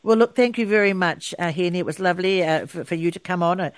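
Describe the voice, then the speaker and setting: A New radio host talking through current affairs with a caller, rambling and restarting mid-thought. The studio sound is close and dry, at an even middle pitch. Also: fast, no room sound. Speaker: radio talk show host. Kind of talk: casual radio chat.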